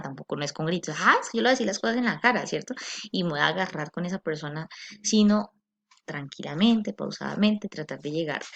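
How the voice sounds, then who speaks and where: A woman teacher giving a recorded class and explaining patiently, with frequent tag questions to check in with her students. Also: fairly low pitch. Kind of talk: recorded online class lecture.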